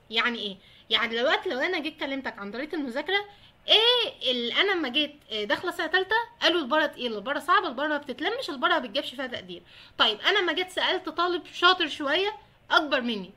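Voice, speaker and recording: A woman's voice: high voice, sharp tone. A young woman with an Egyptian Arabic accent, a veterinary student giving chatty study advice straight to her viewers and laughing often. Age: young adult. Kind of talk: casual advice vlog.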